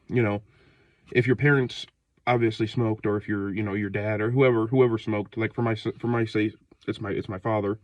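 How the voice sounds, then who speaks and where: A vlogger from Ohio in his twenties speaks in a lowish, darkish voice with no room sound. He's sick and short of breath, out in the cold, rambling through a loose, slangy rant packed with fillers and restarts.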